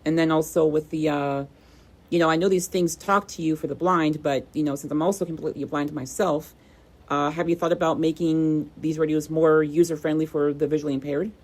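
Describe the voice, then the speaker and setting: A woman's low, steady voice with a darkish tone moves a little fast as she hosts a casual product review. She chats in a conversational way, often repeating phrases for emphasis.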